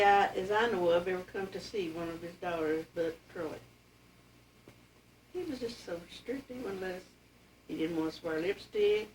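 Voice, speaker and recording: An elderly woman with an Appalachian accent reminisces casually about family history in plainspoken, folksy speech. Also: medium pitch. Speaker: interviewee telling family history. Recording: distant mic, clearly noisy home recording.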